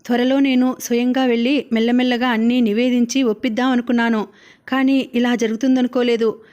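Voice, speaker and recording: A woman's voice: on the high side, a little mellow, natural voice. A woman reading the lines of a troubled young husband who earnestly pleads with his mother.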